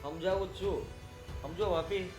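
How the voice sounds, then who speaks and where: Man as a confused young son, whiny, echoey room, music clearly behind. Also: high voice, fairly even intonation, normal speed, a little mellow, natural voice. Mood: placating. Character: hungry bewildered young unmarried son. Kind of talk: short film acting. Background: background music.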